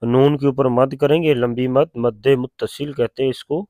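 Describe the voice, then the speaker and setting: A man with an Urdu accent teaching Quran recitation, chanting verses slowly and then explaining the rules in quick plain speech. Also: mid-range voice, steady tone, dark tone, dry recording. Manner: alternates slow drawn-out recitation with quick spoken explanation. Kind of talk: tajweed lesson with slow recitation.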